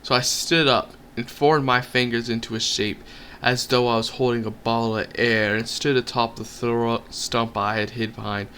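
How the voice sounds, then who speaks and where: A man's voice: medium pitch, level tone, moderate pace, bright, forceful tone, a little hiss or hum. A man streaming a text game, reading its story aloud in a storybook cadence. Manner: narrates in a storybook cadence, puts on voices for quotes. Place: home streaming setup.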